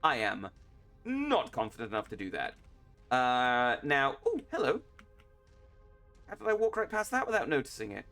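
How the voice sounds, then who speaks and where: A man talks his way through a video game in loose, chatty commentary. His pitch swings widely as he jokes at his own expense and lets out sudden exclamations. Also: huge pitch swings, pushed and bright, soft background music. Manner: chatty, self-deprecating, quick exclamations. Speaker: game streamer. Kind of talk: casual let's-play commentary.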